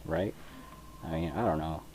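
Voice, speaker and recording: His voice is extremely low-pitched and a little mellow, at normal speed, on a rough recording with a bit of hiss or hum. He's a young gaming video creator from Mexico, chatting casually and hesitantly over his gameplay with lots of fillers, using a cheap computer mic while controller clicks sound behind him.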